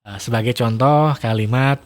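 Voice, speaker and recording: Man giving a quick, lively talk. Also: mid-range voice. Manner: lively, laughs often, talks quickly; shifts intonation to demonstrate reading styles. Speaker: voice-over talent giving a talk. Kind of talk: casual explanatory talk.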